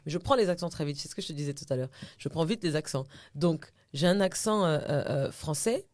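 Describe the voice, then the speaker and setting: A woman from Cameroon chats as an interview guest. She tells her story with animated swings in her voice and often drops English phrases into her speech. The sound is dry and close, with no room around it. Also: low voice, brisk, no echo. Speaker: actress and TV host, interview guest. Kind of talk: casual interview chat.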